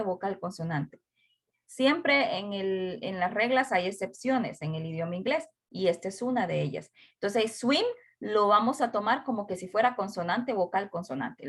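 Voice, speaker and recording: Patient woman teacher spelling out letters. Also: mid-range voice. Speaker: English teacher. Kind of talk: classroom grammar lesson.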